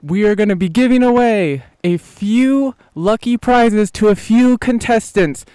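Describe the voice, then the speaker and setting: A hyped arena announcer for monster truck night, as a man puts him on, pitched very high and stretching every word out slowly. The showman hype comes through clean and smooth on a dry, close mic with no room around it. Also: darkish tone, dry recording. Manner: drawn-out, booming showman hype. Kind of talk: improvised announcer role-play.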